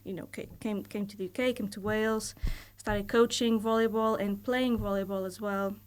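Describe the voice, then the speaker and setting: Appearing as a guest in a podcast studio, a university lecturer in her thirties discusses her work in a casual interview. She has a Portuguese accent and a smooth, steady, mid-pitched voice, and her thoughtful, measured speech is full of pauses and filler-laden hedges as she collects her ideas.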